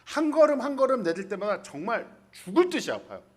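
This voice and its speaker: A man's voice: extremely high pitch, big pitch swings, fast talker, darkish tone. A man preaching a colloquial, joking sermon as a pastor, telling stories and acting out the dialogue in character voices. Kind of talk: storytelling sermon. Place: church in Hanoi.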